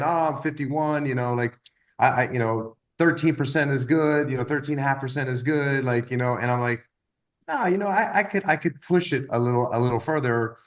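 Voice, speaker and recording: A man in his fifties talking through goals in a loose, rambling coaching chat. His voice sits at a middling pitch. He repeats words as he works through his thoughts, and he drifts into animated little stories. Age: 50s. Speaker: wellness business coach. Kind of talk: casual motivational talk.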